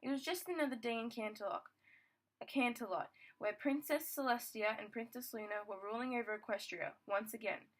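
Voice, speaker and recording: A woman's voice: on the high side, a little fast, poor audio. A young woman casually reading her own fan fiction aloud, stumbling and restarting lines as she goes. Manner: stumbling, rereads words, restarts sentences.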